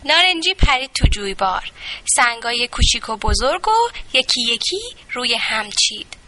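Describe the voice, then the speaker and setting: A woman narrating a children's story in an expressive read-aloud manner. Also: on the high side, noisy background.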